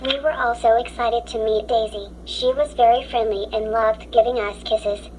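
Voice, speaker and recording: A woman's voice: a little high, steady tone, moderate pace, a little mellow, a little hiss or hum, poor audio. A synthetic woman's voice with a robotic text-to-speech sound, reading children's stories aloud in a stiff, mechanical way. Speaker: story app narrator.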